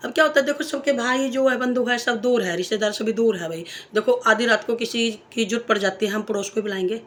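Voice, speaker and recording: A woman's voice: fairly high pitch, fast talker. A woman talking casually to camera as a vlogger, emphatic and repetitive, asking rhetorical questions and telling personal stories. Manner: emphatic, repeats phrases, asks rhetorical questions; tells personal anecdotes. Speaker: vlogger sharing opinions. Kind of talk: casual spoken monologue.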